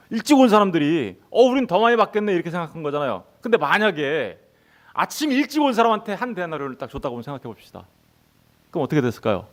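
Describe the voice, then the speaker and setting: A male pastor preaching a sermon who keeps asking his congregation rhetorical questions. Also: high-pitched. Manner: acts out the workers' lines in quoted voices.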